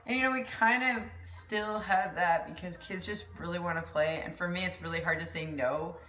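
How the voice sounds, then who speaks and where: Woman vlogger, rambling casual chat, lowish voice, mild concussion, roomy and off-mic. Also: steady tone, moderate pace, fairly bright tone, far from the mic. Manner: rambling, chatty, laughs often. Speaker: volleyball coach vlogger. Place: at home, kitchen pantry. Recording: echoey room, off-mic.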